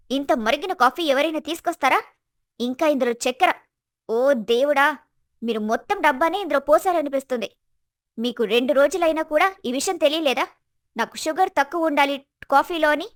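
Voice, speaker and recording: A woman voicing a spoiled, haughty young college woman who whines and scolds, in an animated story. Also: no room sound, studio quality. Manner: whiny, shrill, haughty.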